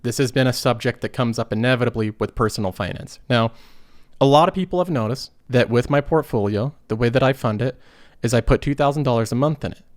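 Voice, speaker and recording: Still shaking off a cold, a man of thirty talks casually and earnestly about personal finance, pausing and restarting as he works through his thoughts. His mid-pitched voice comes across dry and close, with no room echo.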